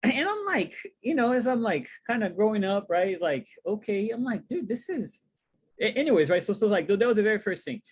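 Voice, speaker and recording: A man from Brazil talking casually as co-host of a webinar, animated and full of fillers, asking rhetorical questions. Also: high-pitched, a little fast, slightly rough. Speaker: co-host, wealth coach.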